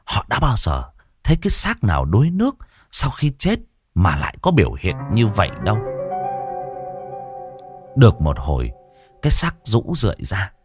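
Low, dramatic male horror storyteller. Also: wildly swooping pitch, normal speed, pauses often, husky, faint music behind. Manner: dramatic, heavily inflected delivery. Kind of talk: scripted horror narration.

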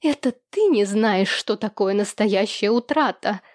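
A woman's voice: fairly quick, no room sound, studio quality, natural voice. A woman reading an audiobook, voicing a spiteful, haughty young woman who hisses and sneers. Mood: shouting scorn. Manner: shrill, sneering and shouting.

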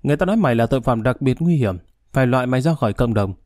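A man doing a gruff, scolding prison guard. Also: mid-range voice, animated, rapid-fire, darkish tone, dry recording, studio quality, lightly acted. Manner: scolding, coarse. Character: gruff blunt male prison guard, mocking.

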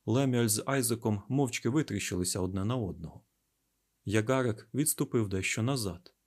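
A man narrating a fantasy audiobook in a steady, even storytelling manner. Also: lowish voice, moderate pace.

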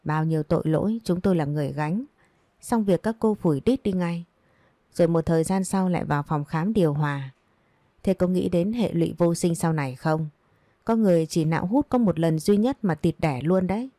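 A harsh middle-aged doctor lectures in a low, dark, dry voice, as a woman narrator puts her on. Her talk is coarse and contemptuous, full of scolding. It sounds close and dead, with no room around it. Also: fairly quick, no echo, lightly acted.

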